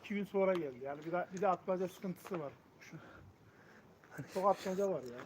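A man's voice: high voice, fast. A man chatting colloquially as a pigeon breeder answering questions. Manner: colloquial, addresses listener as mate or brother. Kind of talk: casual chat, answering questions. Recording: noticeable ambient background noise.

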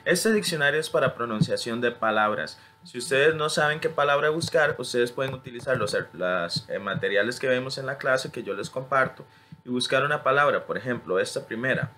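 Bright-toned teacher. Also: male voice, medium pitch, animated, brisk, a little hiss or hum. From Costa Rica. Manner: switches between English and Spanish, models words for repetition. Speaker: English teacher. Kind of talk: screen-recorded tutorial.

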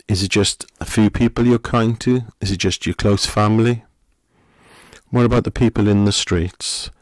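A middle-aged man, a pastor, giving a gentle, conversational sermon full of questions to the listener. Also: fairly low pitch, dry recording.

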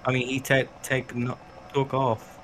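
A man's voice: mid-range voice, monotone, a little slow, a bit bright, slight background noise. A man co-commentating a sim race, giving play-by-play calls with hesitant fillers. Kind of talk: casual sim racing commentary.

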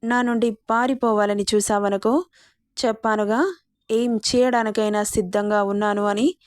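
A woman's voice: mid-range voice, fairly even intonation, normal speed, darkish tone, dry recording, clean studio sound, lightly acted. A woman voicing an arrogant young man who talks in a menacing, dismissive way in a storybook reading. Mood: cold, menacing. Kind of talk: storybook narration.

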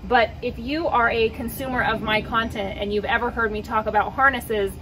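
A woman's voice: fairly even intonation, normal speed, a bit bright, a little hiss or hum. A woman in her thirties chatting casually on an outdoor deck as she reviews dog harnesses, talking upbeat and plain toward a camera at mid distance. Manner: chatty and upbeat, calls her dogs with high boop sounds. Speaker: dog trainer and vlogger. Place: outdoors, on a wooden deck by woods.

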